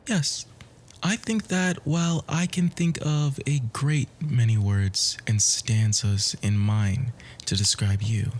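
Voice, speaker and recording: A man playing a charming, composed bookish romantic in a flirtatious ASMR roleplay, speaking softly and breathily in courtly, flowery phrases that often drop to a whisper. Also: mid-range voice, a little hiss or hum, close to an everyday voice. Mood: playful, intrigued.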